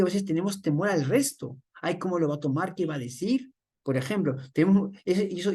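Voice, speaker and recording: A man's voice: sits high, darkish tone. Male instructor, chatty lecture that acts out quoted examples. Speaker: workshop instructor. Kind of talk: lecture on soft skills. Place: online workshop session.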